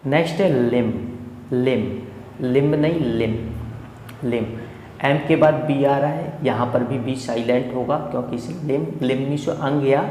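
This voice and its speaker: A man's voice: medium pitch, a little mellow. Indian man teaching in an echoey room. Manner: repeats each word slowly to drill pronunciation. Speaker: English teacher. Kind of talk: explanatory classroom lesson. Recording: echoey room with faint ambient noise.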